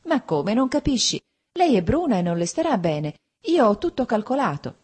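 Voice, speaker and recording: An impulsive young bride, as a woman narrator puts her on, high and breathy, her voice shooting upward when startled. She sounds eager and easily frightened, a storybook heroine full of feeling. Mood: insistent. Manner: high, excitable, quick to alarm. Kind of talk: audiobook character reading.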